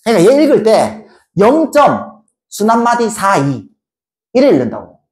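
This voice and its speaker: A woman teaches a math class in a bouncy, animated voice whose pitch leaps up and down. She teases her students, fires quick questions at them and sing-songs strings of digits. The tone is playful and conversational, not a formal recitation. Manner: playful, teasing students with chanted repetitions. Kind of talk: lively classroom lecture.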